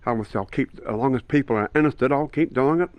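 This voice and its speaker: A man's voice: medium pitch, fast talker, no echo, dull audio. Rambling older man vlogging. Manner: rambling, blunt, with many restarts. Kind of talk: casual chat to camera. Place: outdoors on a rural property.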